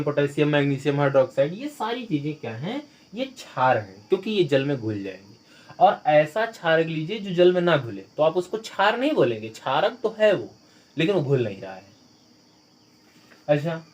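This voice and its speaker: A man's voice: fairly high pitch, a little mellow. A man teaching a school science lesson, explaining with everyday examples and asking questions before he answers them. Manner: explains with everyday examples and rhetorical questions, clears throat now and then.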